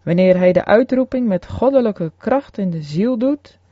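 A man reading an old sermon aloud as a preacher, in a solemn, earnest and measured way. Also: medium pitch, expressive, no room sound, lo-fi sound.

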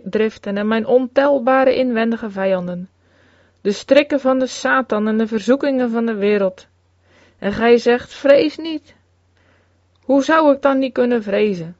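A woman's voice: a little high, darkish tone, no room sound. Woman reading an old sermon solemnly. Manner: solemn, measured reading with archaic phrasing. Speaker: sermon reader. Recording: dull, lo-fi recording, dry.

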